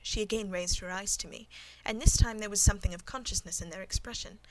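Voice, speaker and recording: A woman narrating a classic novel in a measured, even reading voice, in the first person. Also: medium pitch, crowd noise, low-quality recording. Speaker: audiobook narrator.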